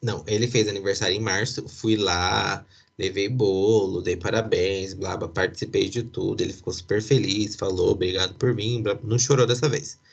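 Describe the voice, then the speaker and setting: Young guy telling a story from his life, kinda low and raspy, lots of "tipo" style fillers. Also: fairly even intonation, moderate pace. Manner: chatty, many fillers and asides, occasional laughs. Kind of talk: casual personal storytelling.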